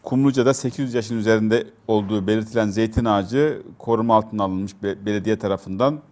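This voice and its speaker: A man discussing local news in a TV studio, pausing often to search for words. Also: fairly low pitch, a little mellow. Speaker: local TV commentator. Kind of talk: casual studio chat.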